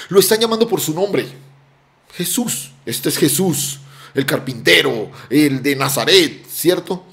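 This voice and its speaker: A man preaching a sermon as pastor, emphatic, often dropping soft on key words and repeating phrases. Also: mid-range voice.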